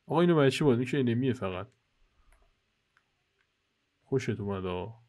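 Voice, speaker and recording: A man's voice: medium pitch, lively intonation, a little mellow. A young man casually commentating co-op gameplay for his channel, joking and teasing his teammate while guiding viewers. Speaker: gaming channel host. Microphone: headset.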